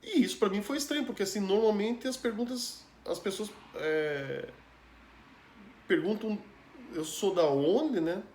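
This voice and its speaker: Heard in a roomy space with faint ambience, a man from Brazil recounts something that happened to him, casually and chattily, in a Brazilian Portuguese accent. His voice is high-pitched and darkish, and he talks a little slowly. Frequent laughter, asides, and tag questions run through the story.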